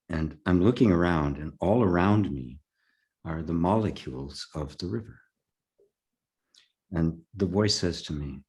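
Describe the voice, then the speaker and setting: An older man, a spiritual teacher, telling a personal story in conversation, halting and repeating words with soft laughs. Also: extremely low pitch.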